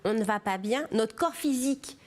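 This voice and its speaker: A woman leads an interview as its host, keeping things moving with brief prompts and questions. Her voice is slightly high. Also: lively intonation, normal speed, darkish tone. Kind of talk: hosting an interview.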